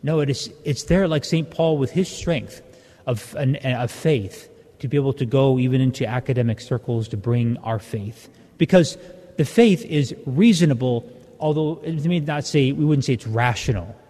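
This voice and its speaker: In a large, echoey church interior with cathedral-like reverb, a mellow male priest of medium pitch reads the Gospel and delivers a homily. He explains things conversationally, in a halting manner.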